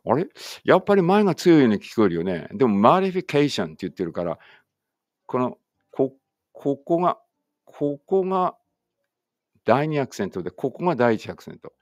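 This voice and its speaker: A man's voice: medium pitch, very animated, darkish tone, dry recording, studio quality. A male English teacher whose first language is Japanese reads a vocabulary list aloud word by word, dropping casual explanations between items. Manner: deliberate word-by-word drill reading with chatty asides.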